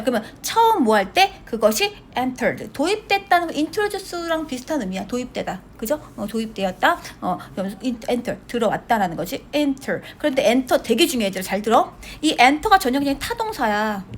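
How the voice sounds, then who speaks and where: A woman with a fairly high voice gives a classroom grammar lecture. Her pitch jumps up and drops down a lot as she asks the class questions, answers them herself, and keeps checking that everyone agrees. A faint hiss sits behind her voice. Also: moderate pace. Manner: lively, checks in with students by asking for agreement after nearly every phrase. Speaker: English teacher.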